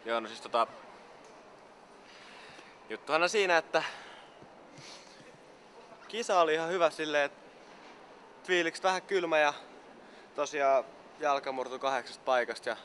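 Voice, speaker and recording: A man in a comic mock interview, rambling in an absurd, deadpan way. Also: a little high, pauses often. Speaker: mock athlete being interviewed. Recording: outdoor street noise.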